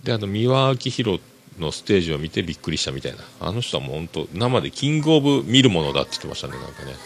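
Speaking rapid-fire in a low, sing-song voice, a Kyushu podcast host loosely rambles through a solo episode full of fillers. Music plays clearly in the background.

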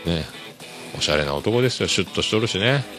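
A man's voice: low-pitched, expressive, quick pace. A man rambling easygoingly through a solo podcast, full of fillers. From Kyushu, Japan. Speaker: podcast host. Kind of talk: casual solo podcast talk. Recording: clear background music under voice. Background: music.

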